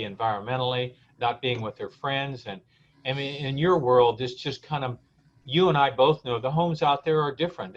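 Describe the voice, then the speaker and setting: A man hosting a casual live-stream interview in an informal, rambling, earnest way. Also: medium pitch. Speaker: event host interviewing guests. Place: remote live video stream. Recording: dull, lo-fi call audio.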